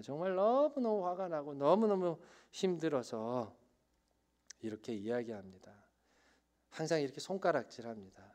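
A male pastor preaching a sermon, dramatic, swinging between loud outbursts and hushed tones and acting out quoted lines. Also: on the high side.

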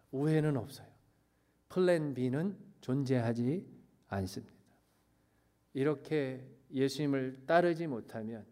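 A middle-aged male pastor preaching a sermon with emphatic delivery, swinging between loud declarations and hushed phrases and slipping in English phrases. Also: medium pitch.

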